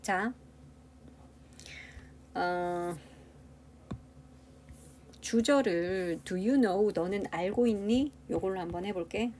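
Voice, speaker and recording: A woman's voice: mid-range voice, extremely slow, pauses often, warm tone, slight background noise. A woman English teacher giving a grammar lecture, explaining step by step and asking the class rhetorical questions.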